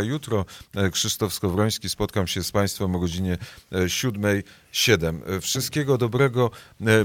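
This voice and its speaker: A man's voice: lowish voice, no echo. A man presenting a live morning radio programme as its host, in a studio.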